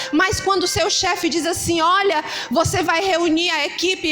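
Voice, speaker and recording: A middle-aged woman pastor with a Brazilian Portuguese accent from Ceará, preaching a sermon and acting out scenes of parents shouting. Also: very high voice.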